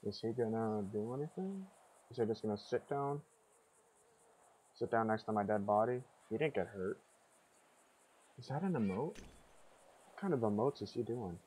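A man's voice: lowish voice, lively intonation, normal speed, long pauses, darkish tone, slight background noise. A man giving gameplay commentary, rambling through confused asides to himself. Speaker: gamer.

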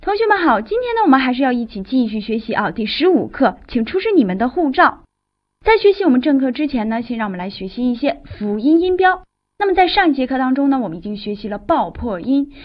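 A woman teaching a phonetics lesson, explaining sounds in a lively, explanatory classroom manner. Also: sits high, quick pace. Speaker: English teacher. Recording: dull lo-fi recording.

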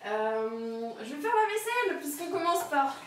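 Young woman streamer, high voice, chatty and giggly, rambling asides, mic far across the room. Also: very animated, measured pace. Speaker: streamer cooking live. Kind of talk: casual live-stream chat while cooking. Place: home kitchen. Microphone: camera on a wobbly tripod across the kitchen. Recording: very echoey kitchen, voice far from the mic.

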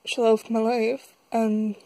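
A young woman talking haltingly in a confessional vlog, upset and tearful, as if she has just been crying. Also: on the high side, flat delivery, mellow, dry recording, poor audio. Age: young adult. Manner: halting, slow, with long pauses. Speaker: vlogger. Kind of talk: confessional vlog, casual talk. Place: small dim room indoors. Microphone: phone held close.

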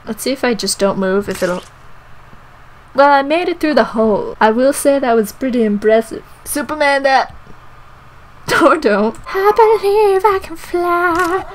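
A young woman giving casual, jokey commentary while she plays a video game, swinging from low mutters to sudden yelps. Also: normal speed, long pauses, poor audio. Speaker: let's play gamer.

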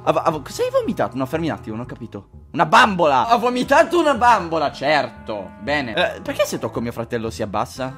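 Lively, high-pitched joking male gamer. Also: fast talker, hardly any pauses, faint music behind. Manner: jokey, crude, swears often; talks to viewers directly. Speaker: gaming video host. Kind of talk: let's-play commentary.

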